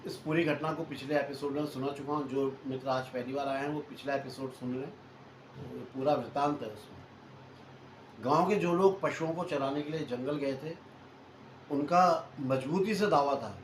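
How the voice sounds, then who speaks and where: Chatty man retelling a story, echoey. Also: a little high. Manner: chatty, repeats and rephrases points, addresses listeners as friends. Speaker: storyteller host. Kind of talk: casual spoken retelling of a hunting story. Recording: echoey room with faint noise.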